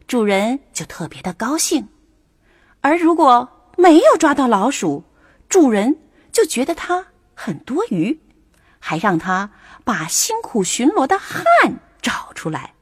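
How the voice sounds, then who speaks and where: A woman introducing a children's story in a gentle, deliberate way. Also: on the high side, husky, no room sound, clean studio sound.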